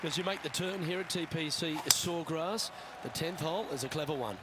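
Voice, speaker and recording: A man giving golf commentary as lead announcer, in understated, measured remarks on play. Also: on the high side, over a noisy crowd, very noisy.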